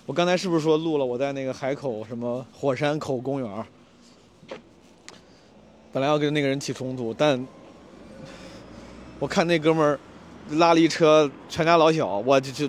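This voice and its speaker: Fast-talking animated young man. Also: medium pitch, a little hiss or hum. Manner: animated, stammering restarts, slangy. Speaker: stand-up comedian vlogger. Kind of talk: casual storytelling vlog.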